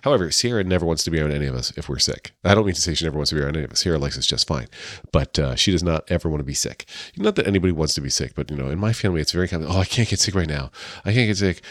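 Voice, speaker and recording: A man in his forties with a hoarse, sick voice, casually telling a story from his own life with chatty, self-deprecating asides. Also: a bass voice, lively intonation, rapid-fire, no room sound. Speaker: host of a daily personal show.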